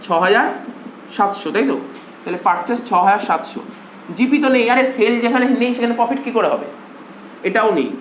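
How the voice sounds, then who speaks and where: ক্লাসে হিসাবশাস্ত্র পড়াচ্ছেন এক পুরুষ শিক্ষক, বারবার একই কথা বলে ছাত্রদের প্রশ্ন করে বোঝান, কথায় বাংলা টান।. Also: male voice, very high voice, expressive, normal speed, long pauses. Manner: coaxing, repetitive, asks students questions. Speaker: accounting tutor. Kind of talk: classroom lecture. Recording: echoey room, faint hum.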